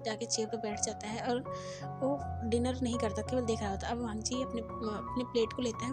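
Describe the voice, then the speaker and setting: A woman narrating a fan fiction story in a plain, steady storytelling manner. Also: fairly high pitch. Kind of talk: reading a story aloud. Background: background music.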